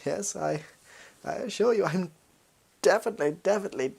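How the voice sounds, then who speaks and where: A performer of unclear sex voicing a pompous, shady villain in an improvised role-play, with a put-on posh English accent and an over-precise, halting, evasive manner. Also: mid-range voice, vocal fry, a little mellow, slightly rough. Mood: shifty.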